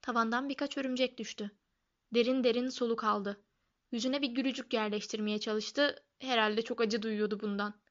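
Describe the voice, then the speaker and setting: A woman giving expressive scripted audiobook narration. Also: fairly high pitch, normal speed, lo-fi sound.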